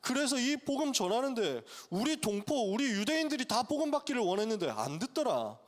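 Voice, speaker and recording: A male pastor preaching to college students, telling the story in a lively way and acting out its characters' voices. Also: very high voice, fairly quick. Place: church sanctuary. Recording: long church hall reverb.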